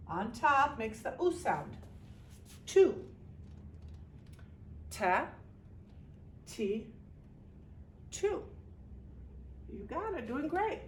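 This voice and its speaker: Slow, encouraging woman teaching in an echoey room. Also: a little high, slight background noise. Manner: patient, repeats sounds slowly, praises often. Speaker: Arabic teacher. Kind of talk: slow, encouraging classroom lesson. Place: classroom. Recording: echoey room, distant mic, faint ambience.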